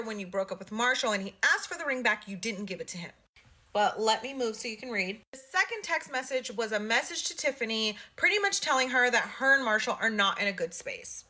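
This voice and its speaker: A woman with a fairly high, very bright and forceful voice presents a commentary video. She is blunt and matter-of-fact, walking through messages and reading them out. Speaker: social media gossip commentator.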